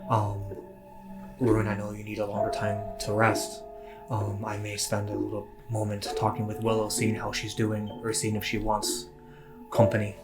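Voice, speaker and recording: A man playing a tabletop game, speaking in character softly and tentatively, with many "um"s. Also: fairly low pitch, completely flat delivery, normal speed. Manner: soft-spoken and tentative, many "um"s. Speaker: player. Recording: clear music in the background.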